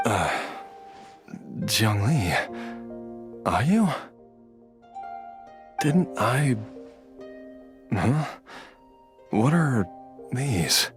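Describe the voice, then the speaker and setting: A man playing a gentle, weary father in a video game, hesitant and soft-spoken. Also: medium pitch, big pitch swings, very slow, long pauses, music in the background. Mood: dazed.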